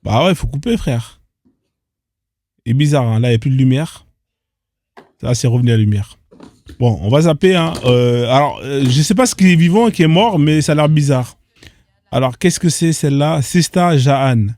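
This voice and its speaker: A man's voice: medium pitch, moderate pace, pauses often, a little mellow, dry recording, clean studio sound. A man hosting casual reaction commentary on odd internet clips, incredulous and firing off rhetorical questions in street slang. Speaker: host reacting to social media clips.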